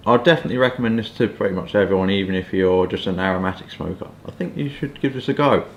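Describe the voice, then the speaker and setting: A man's voice: deep voice, fast, dull audio. Young southern english guy doing a chatty rambly vlog, roomy echo, bit of background noise. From southeast England. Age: 20s. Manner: rambling, with hedging asides. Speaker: pipe and cigar review vlogger. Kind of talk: casual chat. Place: small furnished room at home, indoors.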